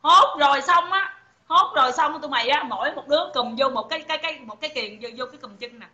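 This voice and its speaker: A fast-talking woman with a high voice and a Southern Vietnamese accent rants on a phone livestream, shouting profane insults and mocking her listeners. The recording is reverberant with the highs cut off.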